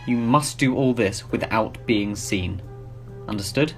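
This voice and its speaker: A man's voice: lowish voice, a little slow, fairly bright tone. A man playing an exacting professor who directs a covert spy mission in formal, precise briefings. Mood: serious, businesslike. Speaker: mission controller. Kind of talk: scripted dramatic acting in a spy film. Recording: background music under the voice.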